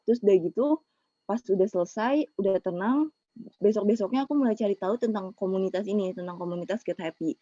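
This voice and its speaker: Young woman w telling a sad personal story, talks fast, dull muffled call audio. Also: mid-range voice, mellow, dry recording. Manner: emotional, confessional, Jakarta slang. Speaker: webinar speaker sharing a personal story. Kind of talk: personal testimony, casual storytelling. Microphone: video call.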